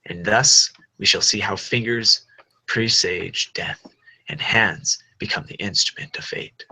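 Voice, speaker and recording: Darth Vader, read by a man, slow and grim. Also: on the low side, pushed and bright, husky, exaggerated voice. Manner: slow solemn declaiming, drops into whispers. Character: dark armored male lord, menacing and brooding. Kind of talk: live Shakespearean verse reading.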